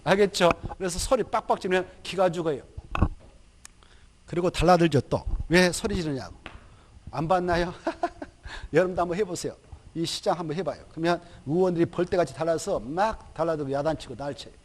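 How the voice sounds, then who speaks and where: A male lecturer with a fairly high voice teaches a recorded exam-prep course. He talks in a lively, chatty way, throws questions at his students and answers them himself, and slips into quick acted-out asides. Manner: acts out officials in quick quoted asides.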